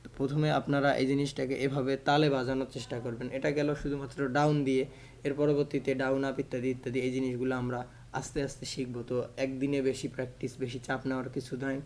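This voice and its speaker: A man's voice: medium pitch, level tone, quick pace, a little mellow, slight background noise. A man giving a patient instrument lesson, counting the beats aloud over and over. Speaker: music teacher.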